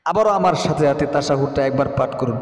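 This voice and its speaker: A man teaching how to say the prayers, giving quick, insistent instructions and correcting pronunciation between slow, melodic chanted lines. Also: mid-range voice, echoey room, big-room sound, recorded from a distance. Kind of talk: teaching prayer recitation, chanting Arabic phrases.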